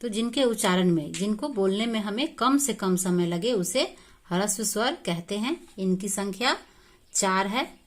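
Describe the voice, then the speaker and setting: A woman teaching a grammar lesson, explaining patiently, asking rhetorical questions and slowly stretching vowels to demonstrate them. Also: mid-range voice, expressive. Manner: patient, repeats and drills examples with rhetorical questions.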